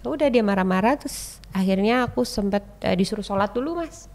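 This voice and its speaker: Animated woman telling her story. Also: quick pace. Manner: animated, acts out quoted people with sharp jumps in pitch and loudness; chatty, keeps addressing the host as "Mas". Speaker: podcast guest. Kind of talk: casual storytelling chat.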